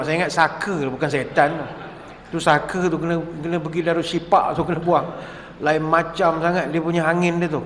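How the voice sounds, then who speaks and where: Man, Malaysian Malay accent, animated humorous preacher, fairly high voice, echoey mosque hall. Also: slight background noise. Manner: animated, jokey, acts out quarrels. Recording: echoey hall with long reverb.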